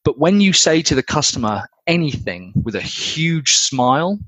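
Husky guy on a podcast, blunt and energetic, swears a lot, middle pitch. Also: moderate pace, dry recording. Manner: blunt, energetic, swears freely, acts out customers. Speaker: podcast co-host, sales coach. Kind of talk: casual podcast chat.

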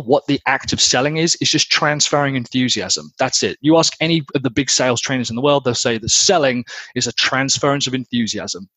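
A blunt, energetic man talks sales on a casual podcast and swears freely along the way. His voice is husky and sits at an ordinary middle pitch. The sound is close and dry. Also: no room sound. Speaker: podcast co-host, sales coach.

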